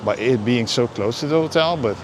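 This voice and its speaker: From Aruba, this man hosts a casual walking vlog, talking in a medium-pitched, fairly quick voice as he strolls outdoors along a road. His chatter is hesitant, meandering and conversational. The recording is noisy, with clear street and vehicle sounds from passing traffic.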